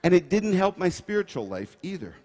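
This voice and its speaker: Lively preacher, playful and animated. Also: male voice, high-pitched, a little fast. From Canada. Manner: playful, animated storytelling with audience participation. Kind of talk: sermon.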